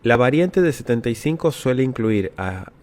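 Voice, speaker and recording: A man's voice: medium pitch, expressive, normal speed, darkish tone. A man from Latin America teaching about the Bible as he answers viewer questions, explaining step by step and checking in with short rhetorical tags. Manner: didactic, repeats key words with frequent rhetorical tags.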